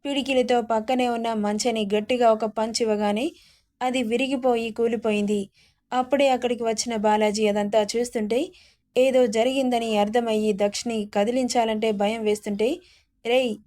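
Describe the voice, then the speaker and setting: Woman storyteller, scripted narration, warm and mellow, a little high. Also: fairly even intonation, fairly quick.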